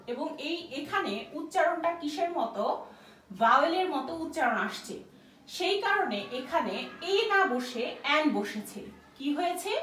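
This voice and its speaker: A woman teaching an English lesson, explaining step by step and repeating each example sentence slowly and clearly. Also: high voice, a bit bright, distant mic, slight background noise. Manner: slow, drawn-out repetition of English example sentences. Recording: echoey room, voice somewhat off-mic.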